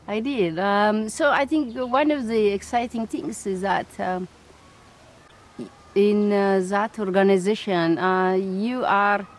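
A middle-aged woman scientist from Ethiopia, answering interview questions thoughtfully with many pauses, fillers and restarts. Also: mid-range voice. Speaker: scientist and institute director.

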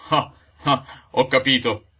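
A stammering old carpenter, jumpy and easily frightened, as a man plays him. His low voice is bright and husky, and it trembles over its words. It is a character in a storybook reading. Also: fairly even intonation, a little fast. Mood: forced cheer. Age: older. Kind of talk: audiobook character voice.

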